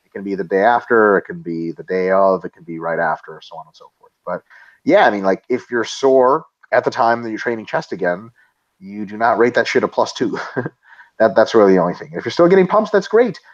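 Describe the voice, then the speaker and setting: A man's voice: lowish voice, expressive, brisk, muffled recording. A man co-hosting a casual webinar Q&A, reading out listener questions and answering them bluntly with plenty of swearing. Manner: blunt, emphatic, swears freely.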